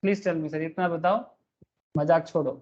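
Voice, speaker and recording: A man's voice: a little high, steady tone, moderate pace, darkish tone, lo-fi sound. A male teacher giving a tax class online, joking at his own drawings, calling his students "sir" and mixing in English terms. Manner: joking, self-mocking, calls students "sir".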